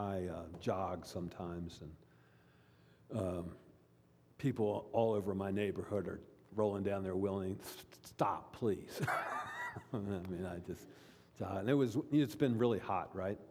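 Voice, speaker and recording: A man preaches with a warm, mellow voice, leaning on earnest repetitions and measured pauses. His words ring out with a long reverb, as if he were in a large sanctuary. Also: on the low side. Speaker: pastor. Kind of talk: sermon.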